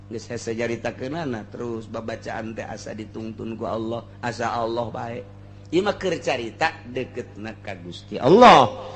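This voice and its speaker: Here a man gives an informal Islamic sermon with Arabic recitation, his Sundanese accent clear in his colloquial, earthy phrasing and emphatic repetitions. He is a preacher and teacher with a medium-pitched voice at normal speed, and there is slight background noise.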